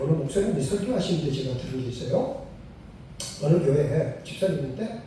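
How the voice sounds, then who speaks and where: A man's voice: fairly high pitch, warm tone, slight background noise. An older man, a retired senior pastor, preaching a sermon and telling a story with emphatic, repeated phrases. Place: church sanctuary. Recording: very echoey sanctuary, mic far off.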